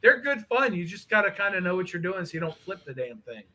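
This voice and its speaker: A man with a high, bright voice tells stories in a loose, animated way, swearing freely. He talks casually on a live stream and acts out the people he mentions. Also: fast talker, low-quality recording. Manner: animated, profane, mimics others in quotes. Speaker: co-host. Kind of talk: casual storytelling chat.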